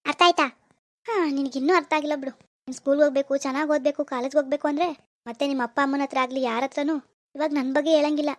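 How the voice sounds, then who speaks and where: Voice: high-pitched, no room sound, close to an everyday voice. A performer voicing a pushy young man who stalks a schoolgirl in a cartoon, syrupy one moment and menacing the next. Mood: threatening. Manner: menacing and syrupy, calls her baby. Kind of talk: Kannada cartoon voice acting.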